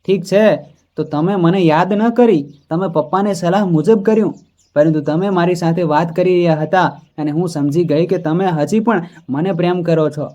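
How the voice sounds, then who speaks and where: A man's voice: high voice, moderate pace, dull audio, lightly acted. Man voicing a stubborn indignant young wife. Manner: sharp and indignant.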